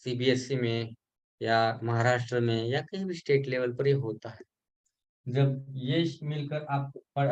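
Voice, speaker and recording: A man giving a recorded lesson for a healing course, explaining slowly and repeating syllables to show how they are spoken. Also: mid-range voice, lo-fi sound. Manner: mixes English terms into his explanations.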